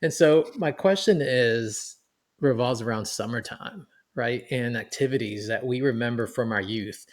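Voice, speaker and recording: Podcast co-host: a New York-born man in his forties, chatty, easygoing, mid-pitched. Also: a little slow. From New York City. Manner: chatty, animated, laughing as he reminisces. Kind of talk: podcast conversation.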